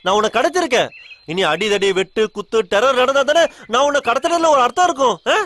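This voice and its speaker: In a TV serial, an actor plays a scheming, mocking male kidnapper who gloats, laughs often, and mixes in English words over background music. His voice is very high, animated, quick, and a bit bright.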